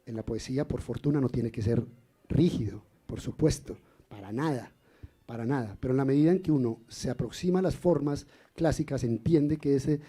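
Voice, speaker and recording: A man, a singer and poet explaining rhythm in poetry in a relaxed café talk. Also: medium pitch, moderate pace, slightly rough. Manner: explanatory, chants rhythm syllables. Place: café event in Cali.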